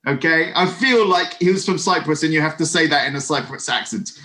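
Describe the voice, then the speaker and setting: A man giving a lively, conversational sermon over an online video call, with friendly asides to his listeners. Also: on the high side, fairly quick. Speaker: preacher.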